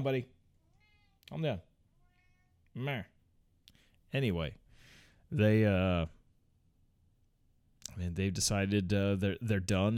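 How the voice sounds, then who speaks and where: A man's voice: medium pitch, darkish tone, dry recording. A man in his thirties hosting a casual solo podcast from home on a close mic, rambling with lots of fillers and restarts, swearing freely and chuckling often. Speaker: podcast host.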